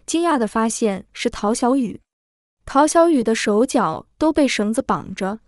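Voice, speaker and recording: A woman's voice: fairly high pitch, darkish tone, no echo. Woman reading a story, dry sound. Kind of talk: scripted story narration.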